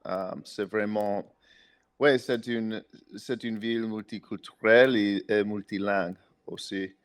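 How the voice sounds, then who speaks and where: This podcast guest is a native English-speaking man from the United States with an American accent, chatting casually. His voice is on the low side, steady, clear and resonant, and a little slow. He speaks with care and hesitation, frequently starting over.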